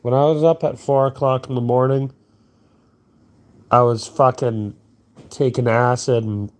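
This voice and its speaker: A sleepy young man rambling crudely through a late-night monologue, yawning and meandering. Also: medium pitch. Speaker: streamer.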